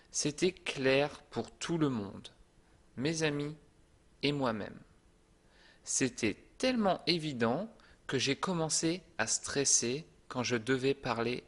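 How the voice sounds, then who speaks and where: A man teaching a French lesson. His delivery is very slow and unhurried, with each phrase set apart, and his voice sits at an ordinary middle pitch. He reads from a script in a calm, reassuring way.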